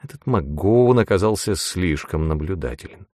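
A man narrating an audiobook in a calm, steady reading voice. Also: sits low, normal speed, no room sound, studio quality. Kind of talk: scripted narration.

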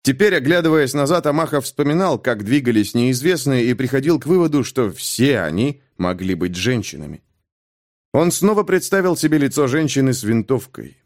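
Male audiobook narrator, dramatic thriller reading, lively rising-and-falling pitch. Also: normal speed. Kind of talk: scripted narration.

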